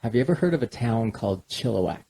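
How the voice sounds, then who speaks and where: A man's voice: medium pitch, expressive, quick pace, mellow. A man from Southern California hosting a podcast, asking questions and giving frequent short encouraging replies. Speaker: podcast host. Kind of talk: casual interview chat.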